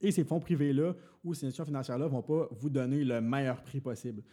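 Mellow Quebec French man explaining. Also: medium pitch, fairly even intonation, quick pace. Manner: explains at length with many fillers and restarts. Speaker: podcast co-host. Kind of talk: casual finance podcast talk.

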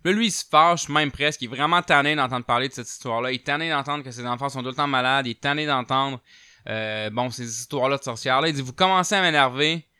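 A man with a Québécois accent casually telling a paranormal story, chatty with many fillers, getting loud at tense moments. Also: mid-range voice, steady tone, fast talker, clean tone, no room sound, studio quality.

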